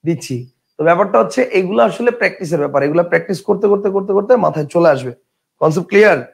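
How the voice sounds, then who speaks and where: Guy teaching grammar online, high voice with gravelly fry, keeps asking the class questions. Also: expressive, very fast. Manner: asks students questions and repeats points; colloquial, addresses learners as brother.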